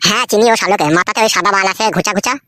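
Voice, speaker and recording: A woman's voice: mid-range voice, rapid-fire, bright, forceful tone, dry recording, studio quality, close to an everyday voice. A woman voicing a crude scheming young son-in-law. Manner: sulky, crude. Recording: clear background noise.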